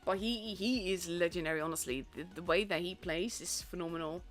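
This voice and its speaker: Her voice sits on the low side and she speaks briskly. This young woman from the Netherlands, a native Dutch speaker with a Dutch accent, chats casually while casting a tournament on her live stream, rambling with fillers and restarts as faint stream music plays.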